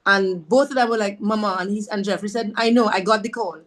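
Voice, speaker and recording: Woman, podcast guest, earnest storytelling, halting with fillers, voices others' words, mid pitch. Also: a bit bright. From Trinidad and Tobago. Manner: earnest, often acts out others' words in her retelling. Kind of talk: conversational personal storytelling.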